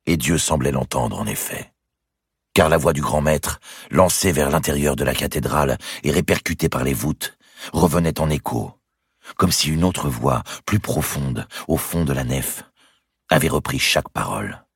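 Deep husky male audiobook narrator, dry close sound. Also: dry recording. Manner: measured storytelling.

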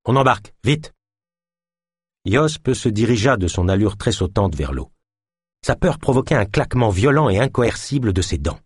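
Male audiobook narrator, low husky voice, lively intonation, dry close sound. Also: normal speed, dry recording. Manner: expressive storytelling. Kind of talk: scripted narration.

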